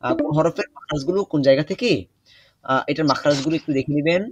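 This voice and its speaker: A young man teaching an online Quran recitation class, patient and repetitive, often pausing with hesitations. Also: fairly high pitch, no room sound, faint music behind. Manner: patient, repeats instructions, many hesitations.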